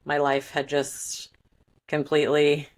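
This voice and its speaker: A woman's voice: sits low, completely flat delivery, takes it slowly. A woman guest on a podcast, an author, chatting casually with frequent laughs and fillers.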